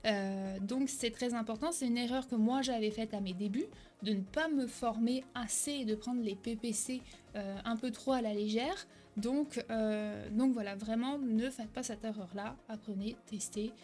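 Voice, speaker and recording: This young woman, an online selling coach, speaks energetically to the camera in a tutorial, her voice on the high side with a darkish tone. She often checks in with "ok?" and makes a few hesitations and self-corrections.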